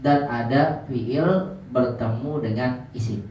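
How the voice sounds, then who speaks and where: A man's voice: mid-range voice, takes it slowly, darkish tone, slight background noise. A man teaching Arabic grammar in class, who asks questions and answers them himself and drags out the example words. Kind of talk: classroom lesson. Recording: echoey, dull, from far off.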